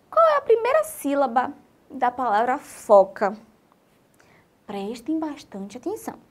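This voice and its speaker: Brazilian lady teacher, high lively voice, sing-songy, talking to little kids. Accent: Brazilian Portuguese. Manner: animated, sing-song, talks directly to young children. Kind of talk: children's literacy lesson.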